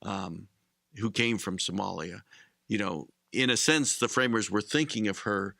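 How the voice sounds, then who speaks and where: A man co-hosting a casual discussion, explaining things in a measured way. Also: lowish voice, gravelly, sharp tone, no room sound, studio quality. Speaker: co-host.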